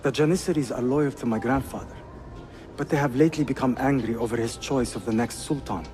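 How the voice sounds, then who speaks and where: A man plays a courteous, shrewd seventeen-year-old Ottoman prince in a video game, sounding composed, assured and earnest. His medium-pitched, slightly mellow voice moves fairly quickly and stays close to everyday speech, with faint music behind him. It's cinematic game acting.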